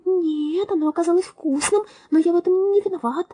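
A woman voicing the tiniest timid young mouse in a storybook, with a squeaky, plaintive voice. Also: a little fast, dark tone, no echo.

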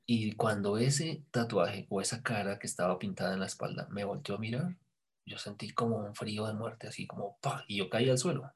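Man, low husky gravelly voice, casual storyteller who goes hushed at the tense parts. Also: a little fast. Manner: animated storyteller, drops to hushed voice when quoting himself. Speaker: guest recounting an experience.

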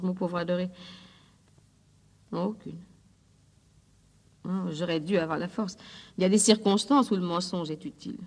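A woman's voice: fairly low pitch, slightly rough, big-room sound. An actress playing a desperate, fragile woman who pleads on the telephone with the lover who is leaving her, in a 1950s recorded drama monologue. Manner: intimate, pleading, emotionally fragile.

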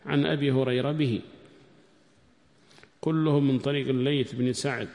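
A man teaching a hadith commentary lesson, repeating each phrase slowly for students to write down, reciting quoted text louder and higher. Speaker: Islamic studies teacher. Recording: long hall reverb.

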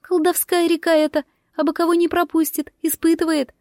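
Woman putting on a high, knowing firebird. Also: level tone, fairly quick, darkish tone, no room sound, clean studio sound. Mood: ominous. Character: wise, ominous magical firebird.

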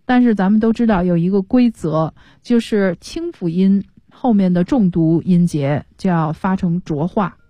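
Lady radio english teacher, lowish mellow voice, dry studio sound, explains slow and patient. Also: no room sound, dull audio. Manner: patient, explains pronunciation step by step.

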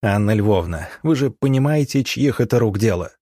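A male narrator plays a weary young country doctor, firm and curt. His low, husky voice stays dry and close, as in a storybook audiobook. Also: lively intonation, moderate pace, dark tone, no room sound.

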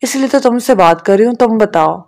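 A woman reading the lines of a serious, earnest young woman in a storybook, speaking quietly and a little defensively. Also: a little high, lively intonation. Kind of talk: audiobook dialogue reading.

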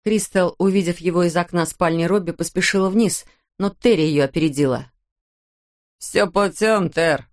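Audiobook narrator, woman, lowish voice, measured. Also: darkish tone. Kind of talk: scripted narration.

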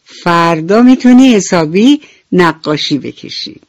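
A woman storyteller voicing a kind, caring nurse, talking in a gentle, soothing way. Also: on the low side, lively intonation, no room sound, voice pushed up, close to an everyday voice. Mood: tender. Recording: dull radio recording with faint music.

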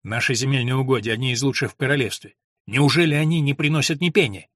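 A man voicing an impatient young nobleman heir who is quick to anger and demands answers. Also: mid-range voice, a bit bright, no echo, clean studio sound, natural voice. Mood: demanding.

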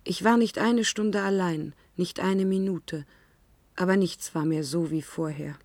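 Here the anguished young woman's story comes through in a bleak, resigned tone, part of a German sci-fi radio drama performed with deliberate drama. The actress's voice is on the low side and a little mellow, and the recording is dry.

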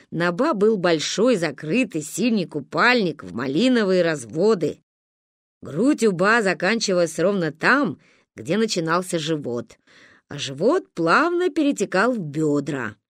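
A woman's voice: fairly low pitch, sing-song, a little slow, no echo, clean studio sound. A woman narrating a story as an audiobook, expressively.

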